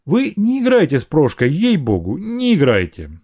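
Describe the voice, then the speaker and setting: A man's voice: a little high, big pitch swings, normal speed, darkish tone, voice pushed up. A man reading an audiobook, voicing a timid, devoted male servant who pleads and begs. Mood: pleading. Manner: pleading, imploring.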